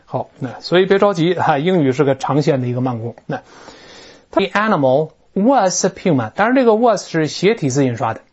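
A teacher giving a recorded grammar lecture, animated and explanatory, drawing words out slowly to model how they sound. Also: medium pitch, husky. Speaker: English teacher. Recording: dull lo-fi recording.

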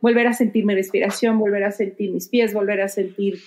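Woman podcast host, mid voice, thoughtful, lots of soft fillers. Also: mid-range voice, fairly even intonation, a little fast. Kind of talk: casual podcast conversation.

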